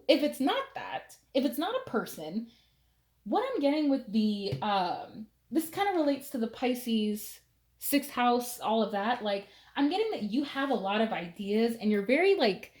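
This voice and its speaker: A woman's voice: fairly high pitch, a little mellow. A young woman giving a casual tarot reading, chatty and full of fillers, laughing now and then. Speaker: tarot reader.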